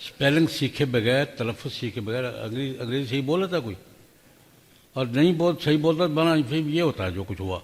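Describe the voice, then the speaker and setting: A man's voice: medium pitch, animated. An older man from Pakistan, preaching at a graduation ceremony in a folksy way, with stories and rhetorical questions. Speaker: religious scholar. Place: large hall. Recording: long hall reverb.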